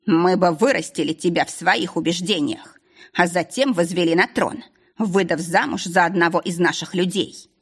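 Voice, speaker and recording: Lady doing a cold smug duke, drags his words, low raspy voice. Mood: smug, mocking. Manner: slow, mocking, unhurried. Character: cold, smug scheming male duke, villain.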